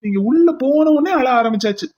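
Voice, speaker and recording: A woman's voice: high voice, lively intonation, brisk, mellow. A woman voicing a young uncle in a cartoon, cooing and doting clumsily over a baby. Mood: sheepish. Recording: dull lo-fi audio.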